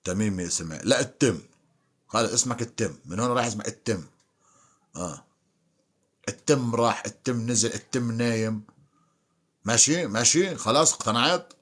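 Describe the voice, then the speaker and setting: A man's voice: mid-range voice, animated, brisk, pauses often, fairly bright tone. A man hosting a casual live stream, bantering with and teasing his viewers. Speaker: livestream host.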